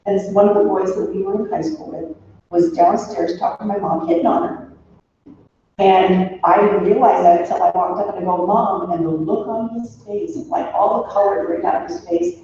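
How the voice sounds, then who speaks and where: In a medium-pitched, dark, steady voice at a moderate pace, a daughter in her sixties delivers a rambling, informal funeral remembrance, full of stories and asides that fade off. She stands away from the microphone in an echoey room, and the recording is distant, roomy, muffled, and faintly noisy.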